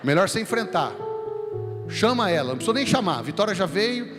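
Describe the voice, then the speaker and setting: A man from Brazil with a São Paulo accent, preaching a sermon and telling a personal story, animated and acting out the voices he quotes. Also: high-pitched, fairly quick. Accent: São Paulo Brazilian Portuguese. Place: large church sanctuary. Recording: long hall reverb with music behind.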